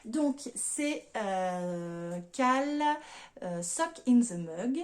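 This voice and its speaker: A woman's voice: medium pitch, expressive, very slow. A woman in her thirties talks in a casual, chatty way and speaks. She hosts a podcast and fills her sentences with hesitant fillers as she goes. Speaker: knitting podcast host. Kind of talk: casual chat.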